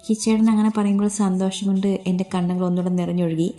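A woman narrating a romantic story in a steady, even reading voice. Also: medium pitch, quick pace, soft background music.

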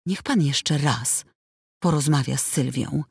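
A woman's voice: sits low, measured pace, vocal fry, husky, no room sound, clean studio sound, full character voice. A woman reading an audiobook, voicing an indignant, outspoken working woman who speaks in a heated, accusing, insistent way. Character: indignant middle-aged woman worker, outspoken. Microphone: close studio mic.

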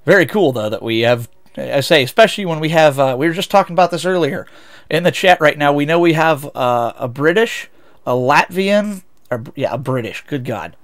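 This VTuber streamer is a young man from the United States with a Midwestern accent, and his voice sits on the high side. He talks to his audience during a racing game stream at a moderate pace, expressive as he rambles and corrects himself along the way.

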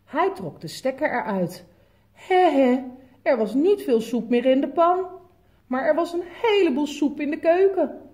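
A woman with a Dutch accent reading a picture book aloud to toddlers, telling it in a lively way. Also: sits high, a little slow. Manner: lively, animated storytelling with big voice changes for quotes. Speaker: children's story reader.

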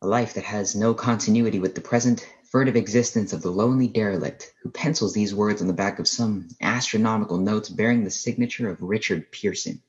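Playing a tormented astronomy professor left as the only survivor of an alien invasion, a male actor gives brooding, literary, halting first-person narration for a radio play. His voice is on the low side and close to everyday speech, though the recording is muffled.

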